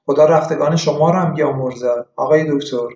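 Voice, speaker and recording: A woman's voice: low-pitched, warm tone, lightly acted. A man doing a pious lonely old widow. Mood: weary. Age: older. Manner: sighing, fatalistic, calls the doctor son. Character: elderly widowed woman patient, pious and lonely. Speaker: psychiatric patient. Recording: echoey room, dull lo-fi.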